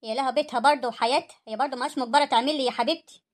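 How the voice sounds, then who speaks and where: A woman voicing a poor, gentle older mother-in-law in an Egyptian cartoon story, pleading and self-effacing, with an Egyptian accent. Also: high-pitched, fairly even intonation, very fast.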